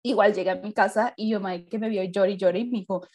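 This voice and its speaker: A young woman, a podcast guest telling a personal story in casual chat and acting out the dialogue with lively jumps in her voice. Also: fast. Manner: animated, acts out quoted dialogue with big pitch jumps.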